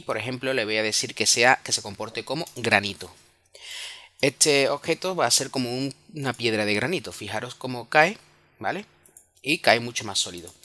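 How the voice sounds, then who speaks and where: Casting: Spanish-accented man, bright tone, patient software tutor, self-correcting, filler-heavy. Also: medium pitch. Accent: Spanish from Spain. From Spain. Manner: explanatory, self-correcting, many fillers and tag questions. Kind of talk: screen-recorded software tutorial.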